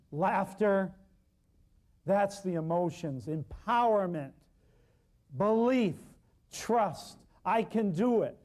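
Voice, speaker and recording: Before a live class, a man leads a natural healing workshop in a voice that sits high. He talks loudly, emphatically and folksily, repeating lists of words again and again.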